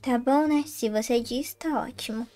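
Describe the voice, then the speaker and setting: A woman's voice: fairly high pitch, moderate pace, mellow, soft background music, lightly acted. A woman playing a teasing daughter. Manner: teasing, conspiratorial. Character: playful scheming teenage daughter of the house. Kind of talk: Roblox role-play voicing.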